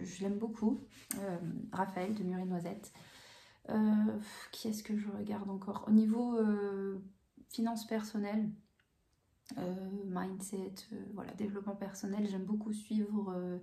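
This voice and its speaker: A woman hosting her coloring channel, chatting casually in answer to viewer questions at home, calm and hesitant with many fillers and restarts. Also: medium pitch. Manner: calm, even delivery. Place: home room with bookshelves. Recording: roomy echo.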